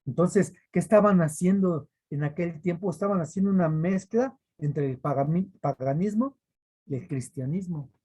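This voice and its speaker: A man leads a devotional teaching in an earnest, repetitive way. His voice sits a little high but sounds dark and mellow. It has a husky edge. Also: normal speed, rough recording. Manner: earnest, repeats phrases for emphasis. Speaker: preacher.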